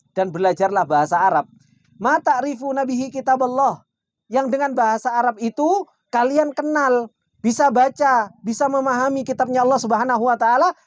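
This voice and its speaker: A man's voice: extremely high pitch, no echo, studio quality. Man teaching a religious lesson. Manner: asks rhetorical questions, then answers them himself; keeps addressing listeners as "Pak". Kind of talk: Islamic study lecture.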